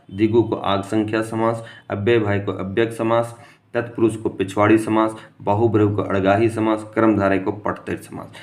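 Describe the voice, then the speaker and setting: A man teaching an exam-prep grammar lesson. He keeps asking rhetorical questions, answers them himself and repeats the key terms. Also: fairly low pitch.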